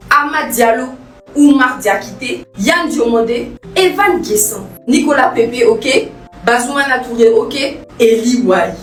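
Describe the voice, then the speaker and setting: A woman gives firm, indignant scripted commentary in a high voice. She sounds distant from the mic, in a roomy, echoing space. Faint music sits underneath. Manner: firm, indignant, lists names.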